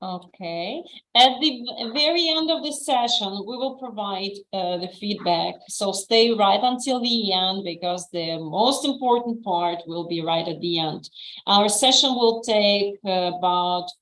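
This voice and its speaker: A woman from Russia hosts a live English speaking club over a video call. She is friendly and instructive, and her talk is full of small pauses and fillers. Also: medium pitch, a bit bright, poor audio. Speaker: host and English teacher. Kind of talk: live online class hosting.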